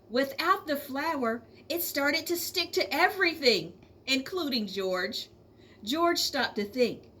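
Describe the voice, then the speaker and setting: A woman with a high-pitched, sharp voice reads a children's storybook aloud the way an elementary teacher would. She speaks expressively to her young listeners, drawing words out for emphasis.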